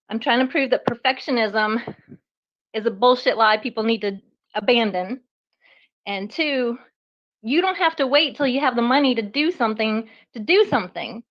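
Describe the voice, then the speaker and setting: A guest artist chats on a live online audio show, animated and self-deprecating, laughing often and sounding a bit out of breath. Her voice is fairly high, and the audio is dull in this casual live-space conversation.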